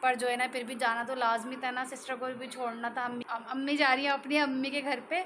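A woman's voice: sits high, little pitch movement, brisk, background noise. A young woman and mother chatting casually in a home vlog, talking in a loose, repetitive way. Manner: chatty, repeats herself, fills with "jo hai na". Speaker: vlogger and mother.

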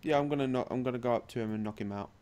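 A man playing a tabletop game at a middle pitch. He talks casually and bluntly, stating his moves with decision. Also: very fast, a crowd in the background. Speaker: player.

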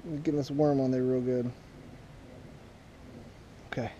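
Recorded outdoors on an action camera he wears, a young father chats casually and patiently guides his son as they fish at a pond. His mid-range, dark-toned voice is unhurried with little change in pitch. The audio has its highs cut off and a slight hiss or hum.

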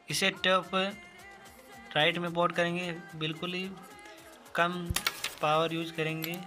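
Man narrating a carrom match over music. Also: fairly high pitch. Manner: talks through each shot, calls viewers "guys". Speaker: gaming channel host. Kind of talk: casual gameplay commentary. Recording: game music loud behind the voice.

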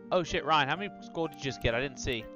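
A man streaming a game with a friend, reading the game's text aloud and thinking out loud, swearing often. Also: on the high side, quick pace, lo-fi sound, music in the background.

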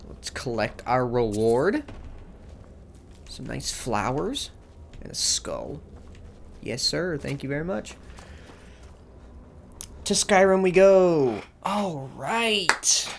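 A man's voice: mid-range voice, sing-song, slow, vocal fry, pauses often, a bit bright, a little hiss or hum. A young man hosting a let's play, giving casual, joking gameplay commentary full of slang. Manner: joking, slangy, talks to himself.

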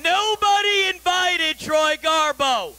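A man's voice: extremely high pitch, takes it slowly, bright, forceful tone. A young man playing the boss in a wrestling promo, making emphatic announcements with stretched-out words. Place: brick-walled indoor wrestling venue. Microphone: handheld microphone.

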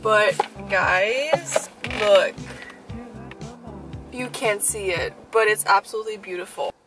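A woman's voice: medium pitch, takes it slowly. A young woman from Canada chatting casually in a food vlog, bubbly and enthusiastic as she shows and tastes dishes. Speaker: food vlogger. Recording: music playing underneath.

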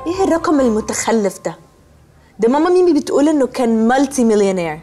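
A woman's voice: on the high side, expressive, rapid-fire, dark tone, soft background music. Snippy rich girl Nelly. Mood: earnest. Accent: Egyptian Arabic. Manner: snippy and prim. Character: spoiled rich young woman who mixes in English. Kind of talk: TV comedy series acting.

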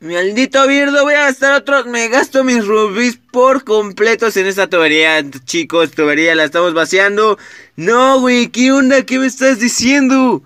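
A young man with a Mexican Spanish accent giving casual, excitable gameplay commentary, swearing often and talking straight to his viewers. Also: very high-pitched, moderate pace, clear, resonant tone, no echo, clean studio sound. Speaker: gaming YouTuber.

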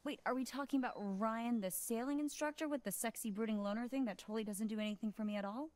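Woman playing a quick-talking, teasing young camp counselor. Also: fairly high pitch, a little mellow, close to an everyday voice. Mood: sarcastic teasing. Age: young adult. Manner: sarcastic, teasing. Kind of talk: cinematic video game acting.

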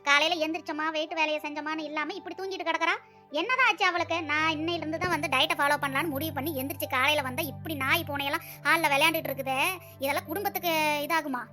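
A woman's voice: high voice, steady tone, very fast, sharp tone, faint music behind. A bossy scolding old mother-in-law. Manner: scolding, complaining. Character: bossy older mother-in-law, dieting and demanding. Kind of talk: cartoon voice acting.

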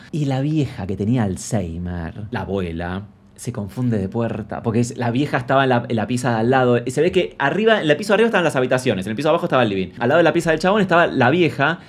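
A man in his thirties with an Argentine accent, telling stories and reading viewer anecdotes on a livestream in a campy, playful, crude way. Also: mid-range voice. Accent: Argentine Spanish. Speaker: streamer.

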